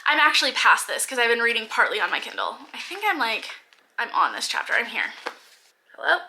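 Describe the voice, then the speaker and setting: A young woman with a high, bright voice talks casually to the camera about what she has been reading. She rambles in a chatty way, full of "like" fillers and side tangents. She is recorded at home on the camera mic. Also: sing-song, fast. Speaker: book vlogger.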